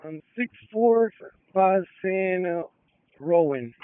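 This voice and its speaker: A man's voice: sits high, lively intonation, slow pace, clean tone, dry recording. A man, a police officer, talking over a two-way police radio in clipped chatter, reading plates in phonetic code. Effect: heard over a two-way police radio. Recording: tinny, dry two-way radio.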